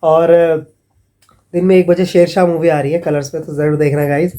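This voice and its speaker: A man's voice: a little high, steady tone, normal speed, mellow. A man, vlogging in a casual, chatty way and calling his viewers friends as he mockingly retells scam calls. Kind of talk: casual vlog warning viewers.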